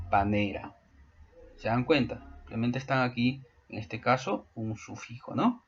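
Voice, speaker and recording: A male school teacher explaining a grammar lesson to his class, often pausing to check that students follow. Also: medium pitch, a bit bright, dull audio. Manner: explanatory, frequent checking questions. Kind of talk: online class lecture.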